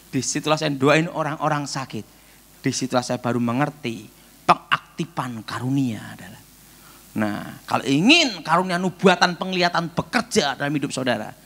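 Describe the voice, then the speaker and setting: A middle-aged man, preaching a sermon as a pastor and telling stories with joking asides and sudden loud bursts. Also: a little high.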